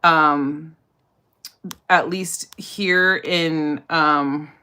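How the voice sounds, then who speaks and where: This livestream host, a criminal defense lawyer, takes viewer questions on criminal law while putting on makeup, chatting casually with many fillers and side comments. Her low, steady voice is sharp and clean, and she draws her words out.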